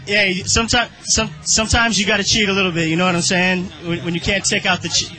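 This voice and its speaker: Hyped male host, high and very bright. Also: little pitch movement, quick pace, soft background music, rough recording. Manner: hyped, showy.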